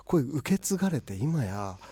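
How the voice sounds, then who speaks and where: Low, mellow, husky man on radio. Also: big pitch swings, no echo. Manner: slow, emphatic storytelling with drawn-out phrases. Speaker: radio show co-host. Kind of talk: casual radio chat.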